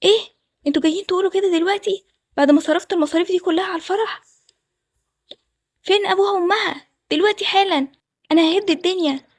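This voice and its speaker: A woman with an Egyptian accent voicing an old, rich, hot-tempered groom who talks loud and demanding. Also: high voice, rapid-fire, no echo, clean studio sound, lightly acted. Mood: furious. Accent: Egyptian Arabic. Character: old rich groom, man, quick to anger.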